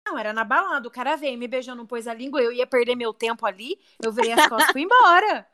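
High-voiced animated young woman telling stories. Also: fast, no echo. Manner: animated storyteller, acts out quoted voices. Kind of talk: casual chat among friends.

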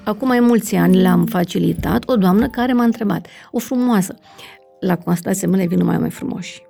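Middle-aged woman guest, gravelly and mellow, chatty explainer who keeps checking that the listener follows. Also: medium pitch, soft background music. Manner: explains with many fillers and checking questions like "da?". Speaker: family constellations facilitator, guest. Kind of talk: conversational explanation in an interview.

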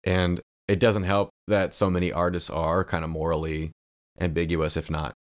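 A man's voice: deep voice, little pitch movement, moderate pace. A man co-hosting a podcast, talking through a film in an earnest, thoughtful way and drawing out key phrases. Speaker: podcast co-host. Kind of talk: casual film discussion.

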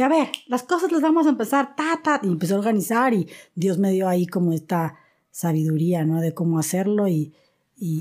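Animated woman telling stories. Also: on the low side, husky. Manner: animated, acts out quoted voices, many fillers like "o sea". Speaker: podcast guest. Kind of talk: casual interview storytelling.

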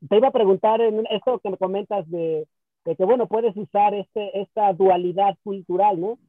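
High-voiced host on a tinny line. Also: male voice, no echo. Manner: thoughtful, measured questioning. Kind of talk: interview conversation. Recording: tinny phone-like sound, dry.

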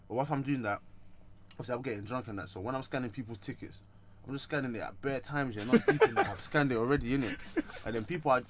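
A man's voice: mid-range voice, quick pace, slight background noise. A young man with a London roadman accent, chatting casually and telling anecdotes in heavy street slang with frequent 'innit' tags. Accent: London roadman, multicultural London English. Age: young adult. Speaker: student event promoter.

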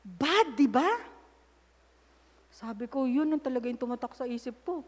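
A middle-aged woman preaches in a high-pitched, expressive voice at normal speed. Her candid storytelling moves between English and Tagalog and turns into prayer aloud partway through sentences. The recording has long hall reverb.

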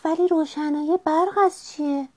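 A woman doing a timid, high-voiced young turtle. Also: steady tone, close to an everyday voice. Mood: frightened. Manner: frightened, pleading.

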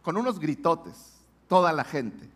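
A man delivers a sermon as pastor, his voice sitting high for a man. He preaches slowly and emphatically, stopping to put questions to the congregation. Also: very animated, a bit bright.

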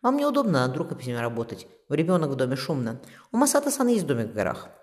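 A man reading an audiobook voices a brisk, warm-hearted woman who speaks in a coaxing, practical way. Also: mid-range voice, wildly swooping pitch. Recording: long reverb.

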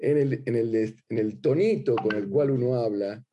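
A man's voice: mid-range voice, normal speed, muffled recording, background noise. A middle-aged man with an Argentine Spanish accent, a rabbi giving a religious lecture in a sing-song, teacherly way, often repeating words as he searches for them.

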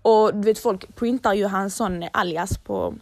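A woman's voice: mid-range voice, no room sound. A young woman telling a story in a loose, casual way, swearing freely and full of fillers and restarts. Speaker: vlogger.

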